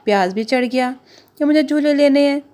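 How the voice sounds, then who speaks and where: A woman narrating a children's cartoon story in a lively, storybook manner. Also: high-pitched, normal speed.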